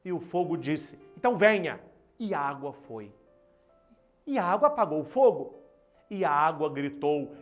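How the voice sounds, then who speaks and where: Brazilian Portuguese male priest, emphatic sermon storyteller, unhurried, light instrumental music behind. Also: fairly high pitch. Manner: slow, dramatic, emphatic storytelling. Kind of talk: Easter sermon with a spoken parable.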